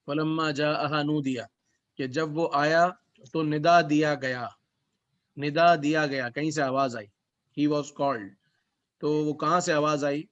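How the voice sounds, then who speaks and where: Male Arabic teacher, somewhat high voice, patient word-by-word explanations, dull recording. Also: steady tone, fairly bright tone. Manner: explains word by word, reciting verses then translating. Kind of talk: classroom lesson.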